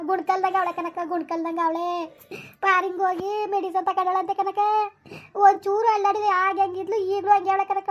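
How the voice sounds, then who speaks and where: A woman playing a grieving village woman who laments and curses a runaway girl in a family skit. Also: extremely high pitch. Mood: bitter lament. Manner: lamenting, cursing, rapid village speech.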